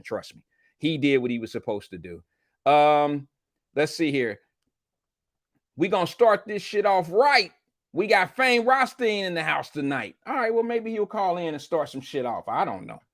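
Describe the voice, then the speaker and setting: A man's voice: medium pitch, a bit bright, no echo, studio quality. A man hosting a casual live show, chatting with viewers in blunt, slangy, profane talk while wearing a retainer in his mouth. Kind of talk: casual livestream chat reading viewer comments.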